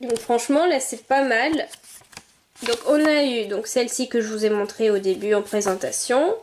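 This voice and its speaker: A woman's voice: fairly high pitch, fairly even intonation, normal speed, darkish tone, a little hiss or hum. A young woman chatting casually as she opens and sniffs collectible figurines, thinking aloud with little exclamations. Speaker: vlogger unboxing collectible figurines. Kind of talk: casual unboxing commentary.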